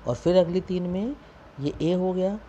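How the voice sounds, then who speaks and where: A man's voice: high voice, a little slow, dark tone, dull audio, a little hiss or hum. A male teacher explaining a poem line by line, reading the English and then quizzing his students in Hindi.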